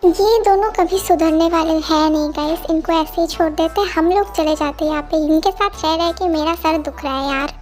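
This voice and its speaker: A woman's voice: very high-pitched, fairly quick, few pauses, darkish tone. A woman hosting her channel, chatting casually and apologetically while mixing in English, with faint music behind. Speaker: channel host and narrator. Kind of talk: casual video intro.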